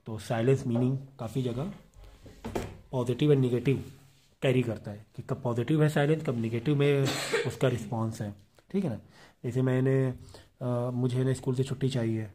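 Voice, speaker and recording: Male lecturer with a mellow voice; patient explainer who reads textbook passages slowly and keeps checking that students follow. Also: mid-range voice, steady tone, a little hiss or hum. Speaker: teacher. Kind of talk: classroom lecture.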